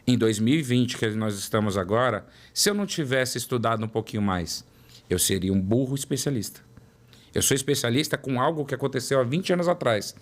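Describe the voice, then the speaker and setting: Brisk and lively in intonation, this mid-range male voice belongs to a product development director from São Paulo, Brazil, in his forties. As an interview guest with a São Paulo Portuguese accent, he tells his career story, doubling up words for emphasis.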